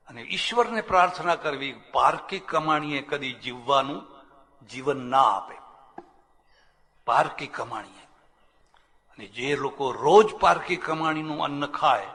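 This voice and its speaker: Older swami, storyteller preacher, forceful bright tone, reverberant hall. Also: male voice, fairly high pitch. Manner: folksy storytelling, acts out quoted people, chuckles. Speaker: swami giving a religious discourse. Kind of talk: spiritual discourse with anecdotes.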